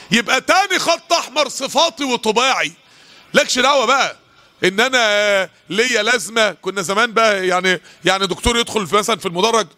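A man preaching a mosque sermon in an Egyptian accent, animated, acting out little exchanges and repeating rhetorical questions. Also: high voice. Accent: Egyptian Arabic.

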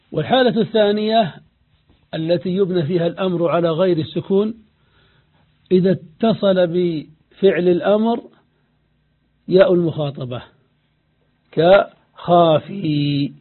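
A man teaching an Arabic grammar lesson, patiently explaining rules, repeating key points and asking the class questions. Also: high voice. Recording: tinny phone-like lo-fi recording.

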